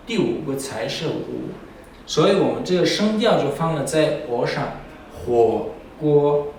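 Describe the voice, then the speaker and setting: A man teaching a recorded university language lesson, drilling tones and syllables slowly and deliberately with frequent hesitations. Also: on the high side, slight background noise. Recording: very echoey room, voice far from mic.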